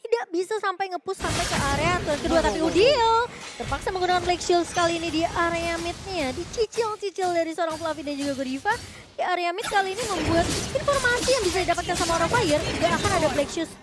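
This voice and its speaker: Very high, fast Indonesian female esports caster. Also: over loud music. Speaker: esports shoutcaster. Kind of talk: live match play-by-play commentary.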